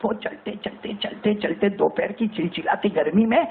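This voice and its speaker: A man's voice: high voice, vocal fry, slight background noise. A man preaching a sermon to women, telling a story dramatically and rising to cries when quoting. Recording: tinny phone-like sound.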